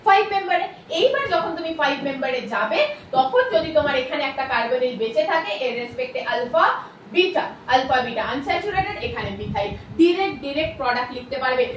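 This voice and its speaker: A woman with a Bengali accent gives a chemistry video lecture at a quick pace, asking questions and then answering them herself. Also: high-pitched, a little hiss or hum. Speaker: chemistry teacher. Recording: echoey room, voice from a distance.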